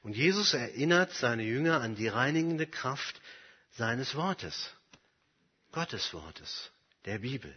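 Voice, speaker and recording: A man delivers an earnest sermon in a husky, breathy voice, pressing his points hard and then sinking low and quiet. His voice rings with the long reverb of a large hall. The recording sounds dull and lo-fi. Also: sing-song, slow pace. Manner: earnest, emphatic, personal examples, swings from loud to very soft. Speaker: preacher.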